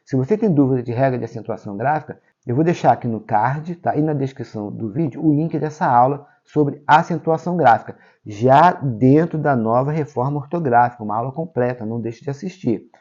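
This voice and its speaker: A Brazilian male teacher walks through a grammar lesson for exams, checking in with his students after each point. His voice is mellow and warm, and he pushes key words up in pitch and volume for emphasis. The audio is a bit dull and muffled. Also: brisk, few pauses. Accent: Brazilian Portuguese. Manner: explains step by step, checks in with "tá?" and "ok?"; lively, stresses key words with jumps in pitch and loudness. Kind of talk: exam-prep grammar lesson.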